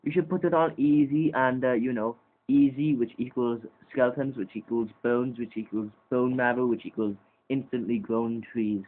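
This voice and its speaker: A man's voice: medium pitch, steady tone, normal speed. A man bantering and teasing during casual gameplay commentary, often stumbling over his words. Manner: teasing, bickering, stammering. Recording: lo-fi, phone-like sound.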